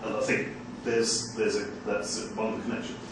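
A man, a university lecturer, making a measured, hesitant comment from the audience at a seminar in a small room. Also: fairly low pitch, monotone. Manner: measured, hesitant with many ums. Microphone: far room camera mic. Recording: echoey room from far off, background hiss.

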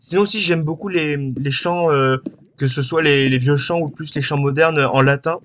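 A man's voice: on the high side, moderate pace, fairly bright tone, a little hiss or hum. A man hosting a gaming channel, chatting casually while he plays, rambling and hesitant with many fillers. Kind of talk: casual chat while playing.

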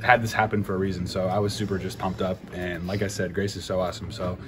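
A quick-talking young man with a fairly low voice, answering questions after a game in an upbeat, grateful way. He is recorded on phones held close to him, with loud background noise from the busy room around him. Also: little pitch movement. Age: young adult. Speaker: college football punter. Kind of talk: postgame press interview. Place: busy postgame interview area indoors. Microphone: handheld recorders and phones held close.

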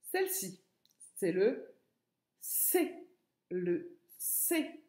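Woman, kindergarten teacher, slow sing-song delivery, echoey room. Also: medium pitch, big pitch swings. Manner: slow, drawn-out syllables for children. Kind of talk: recorded lesson for young children.

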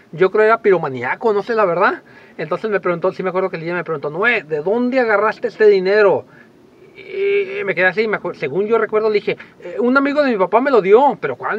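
Animated guy telling stories. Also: high-pitched, muffled recording. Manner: animated, acts out voices and shouts in his stories. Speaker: vlogger. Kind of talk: casual storytelling to camera.

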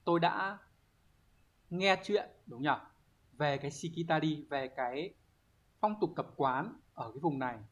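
A man's voice: a little high, a little slow, long pauses. Guy teaching a japanese vocab lesson online, reads the sentences out then explains, keeps asking "right?". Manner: explanatory, often asks students rhetorical check questions. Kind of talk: online exam walkthrough lesson.

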